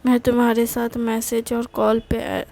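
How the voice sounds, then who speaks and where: A woman voicing a tender young woman who soothes her partner in a romantic audio story, speaking softly and haltingly. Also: on the high side, monotone. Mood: reassuring. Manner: soft, coaxing, halting.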